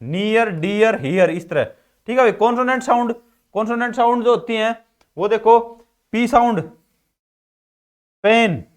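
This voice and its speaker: A high-voiced man from Haryana, India, lectures a class on English pronunciation. He speaks a little slowly with long pauses, repeats questions before answering them himself, and often says "ठीक है भाई".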